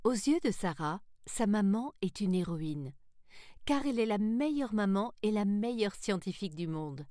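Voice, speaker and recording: A woman narrating a children's story, reading slowly and clearly. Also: mid-range voice, expressive, dark tone, no echo, clean studio sound.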